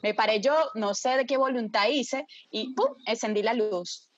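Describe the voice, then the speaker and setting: A woman with a fairly high voice tells a story to friends in a casual, dramatic way. She swears freely and keeps asking whether they follow her. The sound is dry and close, with a slightly dull, lo-fi quality. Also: normal speed, no room sound. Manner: lively, dramatic, swears freely, asks listeners for agreement.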